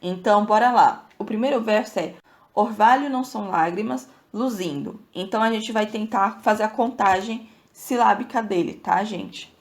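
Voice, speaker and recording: A woman's voice: mid-range voice, normal speed. A woman from Brazil hosting a podcast lesson, casually explaining verse and counting syllables aloud, often checking in with her listeners. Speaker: podcast host teaching literature.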